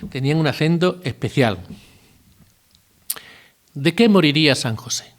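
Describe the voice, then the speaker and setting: A priest. His voice sits a little higher than most men's. He keeps it conversational, putting questions to his listeners and dropping in jokes along the way. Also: expressive, a little slow. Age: 50s. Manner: conversational, asks listeners rhetorical questions, adds asides and jokes. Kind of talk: retreat talk.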